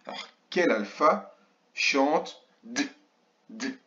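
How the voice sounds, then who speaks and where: Counting aloud and pronouncing syllables with care, a kindergarten teacher speaks very slowly to young children in a remote lesson. His medium-pitched voice is bright and forceful with lively intonation, though the recording sounds dull and lo-fi.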